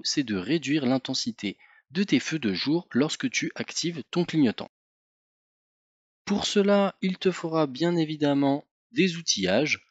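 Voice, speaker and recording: Male tutorial host, mid pitch, methodical, dry slightly muffled recording. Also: no room sound. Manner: calm, methodical, addresses viewer informally. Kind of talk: step-by-step instructional voice-over.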